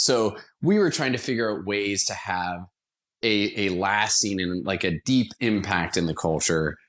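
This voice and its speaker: With a lowish, fairly bright voice, a twenty-something American actor who started a theater company recounts anecdotes as a podcast guest. The interview storytelling is conversational, laced with light self-deprecation.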